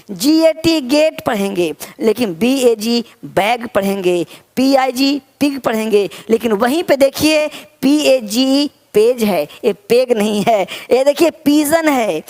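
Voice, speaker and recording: A woman teaching English pronunciation online, repeating each word and coaxing viewers to follow along. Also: on the high side.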